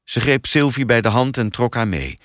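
A man narrating an audiobook thriller in a steady, expressive storytelling manner. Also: mid-range voice, moderate pace, no echo, clean studio sound.

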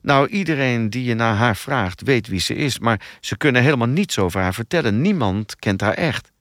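A man's voice: mid-range voice, animated, moderate pace, a bit bright, no room sound, clean studio sound, close to an everyday voice. A man voicing a level-headed male police detective who talks in a matter-of-fact way.

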